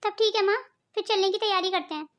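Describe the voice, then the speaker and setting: A woman's voice: very high voice, fairly even intonation, quick pace, fairly bright tone. A woman voicing a loyal young daughter-in-law in a cartoon family drama, speaking in a pleading, emotional way. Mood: upset pleading. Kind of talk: cartoon voice acting.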